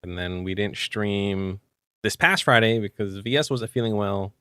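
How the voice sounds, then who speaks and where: A man with a raspy, hoarse voice co-hosts a podcast, chatting casually about tabletop game rules. Still coughing after an illness, he speaks at a moderate pace with a lowish pitch and a fairly bright tone, easygoing and full of fillers. The studio sound is clean, with no echo.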